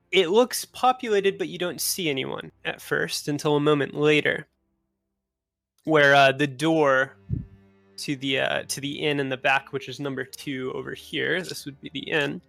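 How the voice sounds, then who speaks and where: A man narrating as game master in a tabletop game, rambling with frequent pauses and restarts. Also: a little high, gravelly, a bit bright, no room sound. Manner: rambling, many uhs and restarts.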